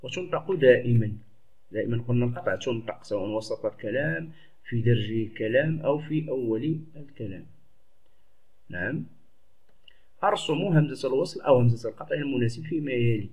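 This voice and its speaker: A male teacher explaining a lesson to pupils, patient and explanatory, repeating words slowly. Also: medium pitch, animated, a little mellow. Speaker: Arabic teacher. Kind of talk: classroom lesson. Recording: dull lo-fi recording.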